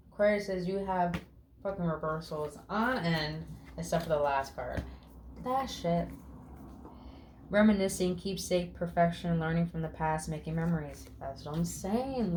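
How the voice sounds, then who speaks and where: A woman's lowish voice comes through with slight background noise as she does a casual, spiritual tarot reading. Chatty and affirming, she stretches out her words, swears offhandedly, and lets out a murmured "mm" between card interpretations.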